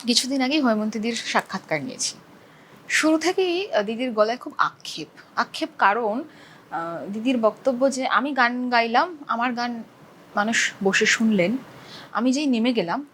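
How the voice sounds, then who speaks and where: A woman interviewer asking familiar, halting questions with many fillers. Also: fairly high pitch, expressive, fairly bright tone, a little hiss or hum. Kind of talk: casual interview.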